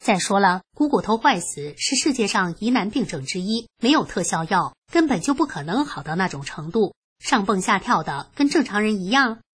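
A woman's voice: medium pitch, big pitch swings, moderate pace, few pauses, husky. A woman reading the lines of a skeptical older male doctor in a blunt, scoffing way, close to her own voice.

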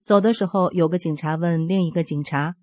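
Mellow-voiced woman in her fifties. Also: lowish voice, a little fast, no echo. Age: 50s. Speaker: religious practitioner sharing a testimony. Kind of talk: reading a personal account aloud.

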